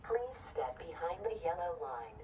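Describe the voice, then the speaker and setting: A woman making formal train announcements over a station loudspeaker on a platform. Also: fairly low pitch, very animated, a little slow, dull audio, a loud crowd. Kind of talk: public address announcement. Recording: distant platform loudspeaker, loud music over it.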